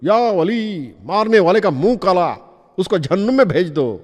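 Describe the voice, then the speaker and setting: A man's voice: high voice, very animated, normal speed, pitched above the performer's own voice. A man voicing an old male fakir who is pious and fretful, pleading and calling on God, in a recording with a long reverb. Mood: indignant.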